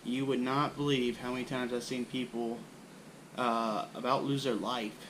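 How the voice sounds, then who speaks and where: Flat-voiced man rambling through his gear. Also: medium pitch, moderate pace, a little hiss or hum, poor audio. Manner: relaxed, rambling with frequent fillers. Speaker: bushcraft channel host. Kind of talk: casual gear show-and-tell. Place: indoors at a wooden floor, small room.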